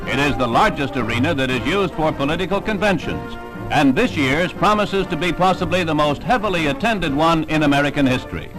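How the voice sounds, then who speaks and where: Male narrator for a vintage 1960s newsreel, formal announcer read with a slightly raised pitch, recorded over loud music. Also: animated, fairly quick, poor audio.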